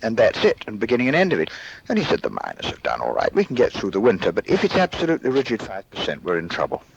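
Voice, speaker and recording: A middle-aged man talks through his diary entries, pausing on uh and um as he goes. His low voice swings widely in pitch. The sound comes from a worn tape copy, dull and muffled with a faint hiss under it. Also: wildly swooping pitch, vocal fry, slightly rough. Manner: measured, dated entries with frequent uh and um pauses. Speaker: politician dictating a diary. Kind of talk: spoken diary dictation.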